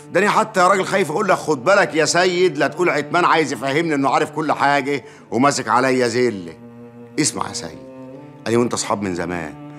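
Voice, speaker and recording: A fast-talking sly village mayor. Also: male voice, a little high. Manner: calm, veiled threats. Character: scheming village mayor, middle-aged man, sly and self-assured. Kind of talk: TV drama acting.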